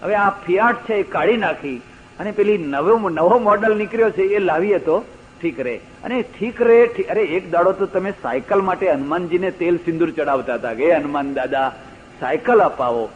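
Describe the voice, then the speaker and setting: A man's voice: high voice, normal speed. Older man, Gujarati accent, religious discourse, storytelling, raised voice, muffled old tape. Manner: storytelling, acts out quoted voices, rising emphatic stresses. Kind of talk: spoken religious discourse with anecdotes. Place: lecture hall. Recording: dull lo-fi archival audio recording.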